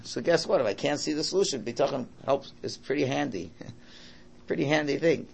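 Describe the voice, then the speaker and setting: A man's voice: mid-range voice, normal speed, vocal fry, husky. A man giving an informal Torah lesson, repeating his points, posing rhetorical questions and checking in with "right?". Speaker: religious teacher. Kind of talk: informal Torah lesson, translating and explaining a text.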